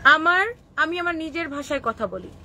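A Bangladeshi clothing shop owner with a Kishoreganj Bengali accent hosts a live stream, scolding viewer comments and slipping English words into her Bengali. Her high voice swings widely in pitch at a moderate pace, with a sharp edge. There's slight background noise.

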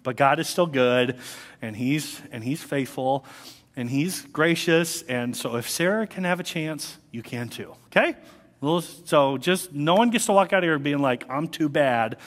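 A man preaches from a church stage, telling a story and jumping into voices for its people. His voice sits a bit high for a man. The sound carries a long reverb from the hall. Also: unhurried. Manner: animated storytelling, acting out voices. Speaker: pastor. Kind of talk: sermon. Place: church sanctuary.

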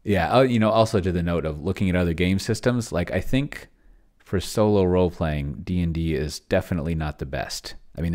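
Rumbling and low with a darkish tone, a middle-aged man's voice drifts through casual screencast commentary as he reads and muses to himself. He's the host of a solo tabletop roleplaying game with a chatbot, recorded in a cramped, cluttered room.

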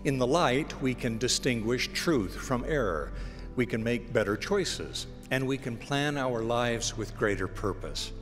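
A middle-aged man giving a scripted inspirational message at a lectern mic, with a slow, measured, gentle delivery. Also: mid-range voice, animated. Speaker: broadcast inspirational speaker. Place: indoor stage with flowers. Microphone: stand mic on lectern. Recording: long hall reverb with soft music. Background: soft music.

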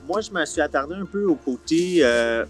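Speaking at a moderate pace, the series creator's voice sits on the high side and is expressive. He's a Franco-Ontarian man in his forties from Ottawa, Canada, being interviewed casually at an outdoor park film set, sprinkling English into his colloquial talk while soft music runs underneath.

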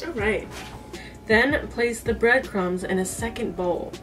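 Filming herself in her small indoor kitchen, an East Coast American woman in her twenties talks informally to the camera as she cooks, musing out loud. She speaks slowly at a fairly high pitch, recorded from a distance by a camera a few feet off, with music playing behind her.

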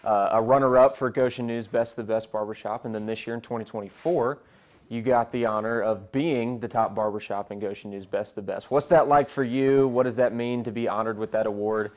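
A man's voice: mid-range voice, fairly even intonation, fairly quick, darkish tone. A young man, a radio station host, asking chatty, friendly questions in a casual interview while getting a haircut in a barbershop basement. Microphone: lapel.

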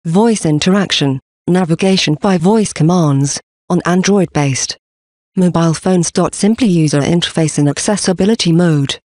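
A man giving a scripted presentation for a company, reading slide contents and symbols aloud in a steady, even delivery. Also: on the high side, normal speed, dry recording, studio quality.

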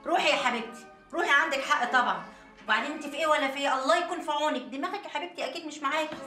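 Brief: teasing Egyptian schemer, high and fast, roomy sound. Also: female voice, sharp tone, far from the mic, faint music behind. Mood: scheming. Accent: Egyptian Arabic. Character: scheming, playful female friend.

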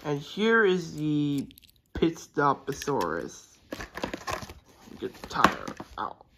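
A mid-range voice with vocal fry unboxes toys at home, speaking slowly and recording on a handheld phone amid heavy background noise. The review is casual and excited but rambling, hesitant, and full of restarts.

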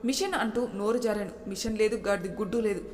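A woman's voice: medium pitch, quick pace, natural voice. A woman voicing an angry, scolding older mother-in-law in a storybook reading, with a long hall reverb. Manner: shouting, scolding.

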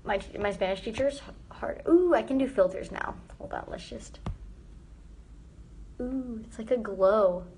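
This teen girl, her voice on the high side and unhurried, rambles through a casual live stream, answering what viewers comment. Chatty and giggly, she leans on "like" and slips into quiet asides. Her phone's front camera sits close, and a faint hiss lingers behind her.

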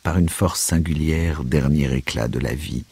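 A man giving a measured, expressive literary reading for a radio broadcast. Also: rumbling low, breathy edge, no room sound. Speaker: reader.

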